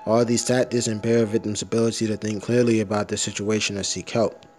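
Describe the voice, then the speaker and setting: A man's voice: fairly low pitch, level tone, fast, darkish tone, faint music behind. A man talking in a casual, blunt rant full of profanity and slang, sometimes reading an article aloud. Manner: uses slang like "bro".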